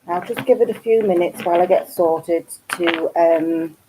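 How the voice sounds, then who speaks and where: A woman's voice: fairly low pitch, moderate pace, background noise. A woman with a Geordie accent hosting a casual live craft stream from home, chatting and rambling with lots of ums. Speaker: craft channel host.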